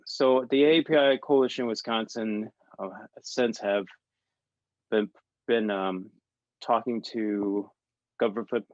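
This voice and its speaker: Man from Taiwan, lowish voice, halting with fillers, lo-fi dry recording. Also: dry recording. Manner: halting, many fillers and restarts. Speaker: guest artist. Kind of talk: interview answers. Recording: dull lo-fi dry sound.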